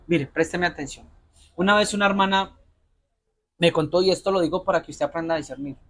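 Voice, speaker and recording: Guy preaching, kinda high voice, keeps asking the church "what?" to fill in the blank, pushy exhorting tone. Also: a little fast, a bit bright. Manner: asks the congregation rhetorical fill-in questions; direct, exhorting address to listeners. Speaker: pastor. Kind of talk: sermon.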